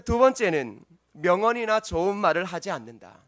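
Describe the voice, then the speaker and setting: A male pastor delivers a sermon in a church sanctuary. His voice sits fairly high for a man. He preaches earnestly and keeps turning to the congregation with questions. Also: very animated, moderate pace, a bit bright.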